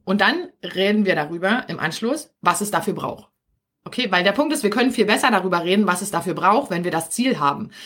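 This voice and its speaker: A woman with a Berlin accent coaches on business in a live stream, using a medium-pitched, fairly bright, slightly rough voice. Chatty and direct, she checks in with viewers often, tagging each point with "okay?"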